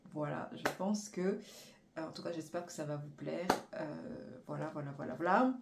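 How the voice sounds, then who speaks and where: A woman's voice: low voice, background noise. A young woman vlogging casually about her giveaway, chatty and full of fillers. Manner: chatty, many fillers and repeated "voilà". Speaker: hair care vlogger. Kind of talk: casual vlog presenting giveaway prizes.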